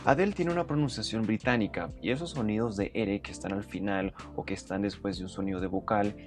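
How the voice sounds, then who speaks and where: A man's voice: fairly low pitch, fast talker, music in the background. A man narrating a pronunciation lesson, explaining sounds step by step and demonstrating them aloud. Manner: methodical, breaks down sounds step by step. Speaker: pronunciation teacher.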